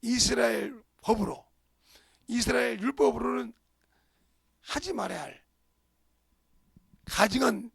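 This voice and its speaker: A middle-aged male pastor preaching a storytelling sermon, acting out voices and sometimes shouting. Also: very high-pitched, unhurried, vocal fry, pauses often, slightly rough, dry recording, studio quality. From South Korea.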